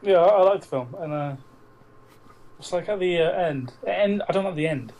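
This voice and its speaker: On a noisy amateur podcast recording, a male co-host with a high, expressive, slightly mellow voice talks about films at a moderate pace. He's casual and blunt, swearing often.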